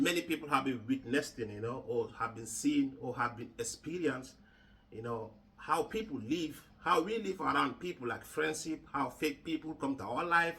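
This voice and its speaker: A man from Gambia hosting a casual podcast chat, halting and repeating words with many fillers. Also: fairly high pitch, pushed and bright, distant mic, low-quality recording. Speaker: podcast host.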